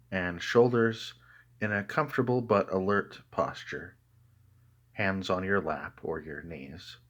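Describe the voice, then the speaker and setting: Leaving unhurried pauses between each phrase, a man with a deep voice leads a guided meditation in a measured, tranquil manner.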